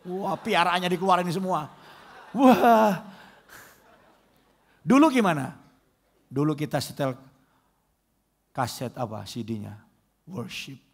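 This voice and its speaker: A middle-aged male pastor preaches a lively sermon, shifting between comic mimicry and soft, prayerful moments. His voice is a little high, his speed normal, and he pauses often.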